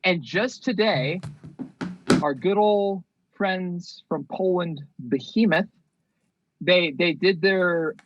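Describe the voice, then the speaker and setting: Male co-host, higher voice, dry wit, steers the talk; dry, slightly lo-fi sound. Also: slow pace, no echo. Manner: dry, laid-back, steers the show along. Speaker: podcast co-host. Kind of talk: casual chat. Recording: dry, slightly dull lo-fi audio.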